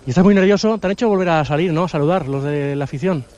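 A man's voice: a little high, very fast, a little mellow, lo-fi sound. A man working as a radio reporter, firing off informal, teasing questions at a player. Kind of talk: quick interview questions.

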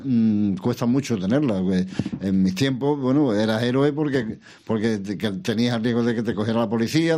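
An older man answering interview questions about politics in a measured, reflective way, pausing and restarting, asking himself questions. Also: medium pitch, dark tone. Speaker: interview guest, former regional president.

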